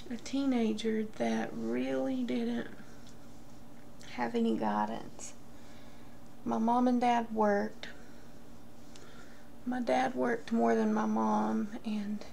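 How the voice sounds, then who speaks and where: A woman in her thirties telling a casual, confessional story to camera in a gossipy, rambling way with halting tangents. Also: fairly high pitch, vocal fry, mellow, slight background noise. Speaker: vlogger. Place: small room at home, indoors.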